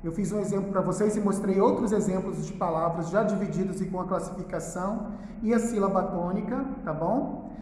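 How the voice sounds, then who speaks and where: A Brazilian man teaching a recorded school lesson in front of a whiteboard, patiently repeating key words slowly and checking in with "tá?". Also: high-pitched, a little mellow. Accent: Brazilian Portuguese. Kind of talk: recorded online class lesson. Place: classroom with a whiteboard. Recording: echoey room with long reverb.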